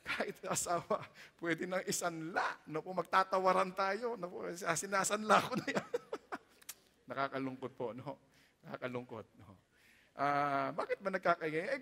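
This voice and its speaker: Animated Filipino pastor in a reverberant hall. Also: male voice, a little high. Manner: switches between Tagalog and English, dramatic swings in loudness for emphasis. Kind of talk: sermon. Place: church sanctuary.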